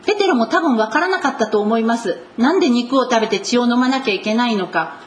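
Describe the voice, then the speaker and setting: A woman delivering a sermon in an earnest preaching manner, stressing key words slowly. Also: on the high side, expressive, a little hiss or hum. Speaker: pastor.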